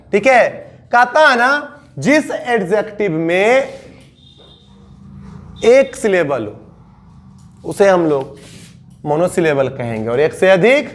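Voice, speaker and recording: A man with a Bihari Hindi accent leads a grammar lesson in a high, lively voice that swoops up and drops low. He talks slowly and coaxes his students, repeating each point and stretching out the word endings. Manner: coaxing, repetitive teaching with drawn-out word endings. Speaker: English grammar teacher.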